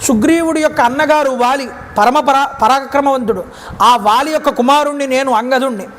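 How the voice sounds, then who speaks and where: With a Telugu accent and a very high, slightly bright voice, this Ramayana speaker talks briskly as he narrates the epic devotionally, acting out what the characters say. The setting is temple grounds, heard through hall reverb with faint background noise.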